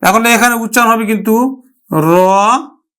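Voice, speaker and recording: A man's voice: high voice, fairly bright tone. A man teaching a pronunciation lesson, sounding out words syllable by syllable and asking and answering his own questions. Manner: slow, drawn-out syllable-by-syllable modelling of words.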